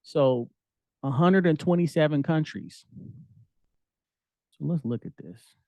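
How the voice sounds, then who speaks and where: A man gives a relaxed scripture lesson, mixing slang with verses he reads aloud. His voice sits a little high for a man. The sound is close and dry. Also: slow, no echo. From United States. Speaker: Bible teacher.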